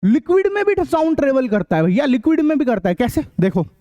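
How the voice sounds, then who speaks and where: A young man teaching a school science lesson in a lively, joking way, imitating sounds and voices as he explains. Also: very high voice, quick pace, lo-fi sound. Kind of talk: lively classroom lecture with jokes and sound effects.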